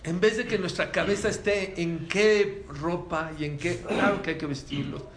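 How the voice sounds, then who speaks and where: A man with a Mexican accent giving a religious talk to an audience, telling stories in an animated way and acting out the dialogue. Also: a little high, slight background noise. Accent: Mexican Spanish. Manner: animated storyteller who acts out dialogue. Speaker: religious lecturer. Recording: echoey room with faint ambience.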